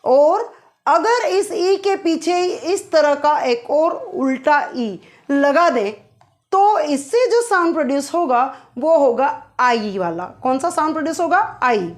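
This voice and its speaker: A woman with a high voice teaches phonetic symbols in a classroom style. She turns each point into a question, answers it herself and draws out vowel sounds slowly to show them. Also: expressive. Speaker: English teacher. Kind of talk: explaining phonetic symbols to exam students.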